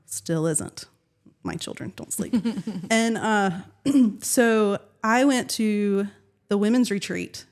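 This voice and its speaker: A young woman chatting as a podcast co-host. She tells her stories in a lively way and laughs often. She has a mid-range voice. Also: mid-range voice. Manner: laughing, animated storyteller. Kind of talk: casual chat.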